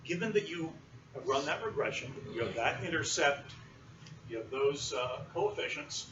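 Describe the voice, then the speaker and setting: A male university lecturer teaching a class in a relaxed, explanatory way, often pausing with fillers. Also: fairly high pitch. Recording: roomy, muffled, distant classroom recording with noise.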